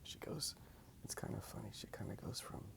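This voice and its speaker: Outdoors in a park, a man hosts an ASMR drawing video, rambling softly as he draws. His hushed, unhurried musings repeat phrases and pose questions to the listener.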